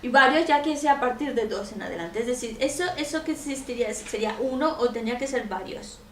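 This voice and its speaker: Woman interpreter, high bright voice, patient explainer; recorded from afar in a reverberant room. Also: expressive, fast talker. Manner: patient, explanatory, with frequent checking "¿vale?". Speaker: interpreter for a teacher. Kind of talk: explaining a philosophy lesson. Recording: echoey room, mic far off, faint noise.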